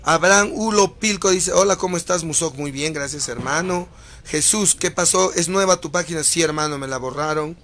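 High-voiced Peruvian man ranting. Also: normal speed, slight background noise. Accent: Peruvian Spanish. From Peru. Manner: theatrical and crude, swinging from mock shouting to low mutters. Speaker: video host reading viewer comments. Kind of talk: casual profane rant.

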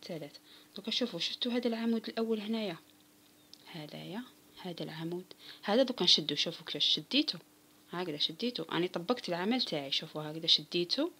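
A woman's voice: on the low side, lively intonation, fast talker, pushed and bright, slightly rough. A woman with an Algerian Arabic accent giving a step-by-step crochet tutorial, patiently counting stitches aloud and talking straight to her viewers. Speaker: crochet instructor.

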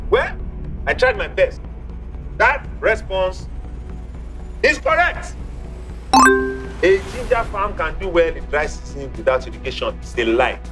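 A middle-aged game show host, recorded on a lapel mic in an indoor TV studio, takes an unhurried pace and pauses often. His theatrical delivery features big swings in pitch and drawn-out key words, with faint music underneath.

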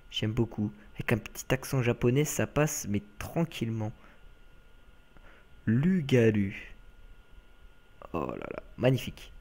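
A man's voice: mid-range voice, darkish tone. A young man from France giving chatty, casual let's-play commentary, full of fillers and asides to viewers.

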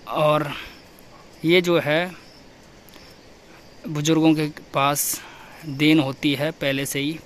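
Walking through his hill village in Uttarakhand, India, this young man vlogs on a handheld camera outdoors, calling out loudly and warmly to neighbours along the way. His chatty voice is slightly high, and there's a bit of background noise.

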